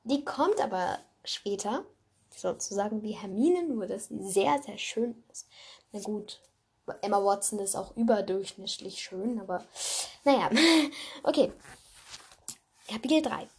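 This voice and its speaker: A woman's voice: mid-range voice, animated, unhurried, pauses often, darkish tone, breathy edge. A woman casually reading her own fan fiction aloud, with chatty asides and many fillers.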